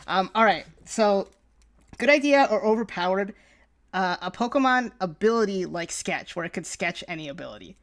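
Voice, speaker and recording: Woman, podcast host, middle pitch, casual chat, chatty, lots of fillers, easy laughter. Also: lively intonation, moderate pace.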